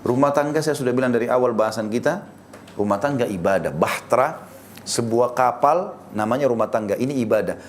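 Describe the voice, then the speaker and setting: A man delivers a sermon at a middle pitch, full of energy and sudden rises for emphasis. He talks to his listeners as friends, and faint ambience sits behind his voice. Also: brisk, slight background noise. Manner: addresses listeners directly as friends. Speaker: preacher.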